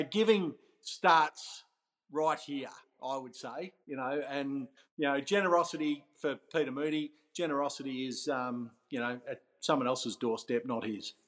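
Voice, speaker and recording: An Australian man co-hosting a podcast, chatting in a wordy, teasing way. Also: medium pitch. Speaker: podcast co-host. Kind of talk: bantering podcast chat.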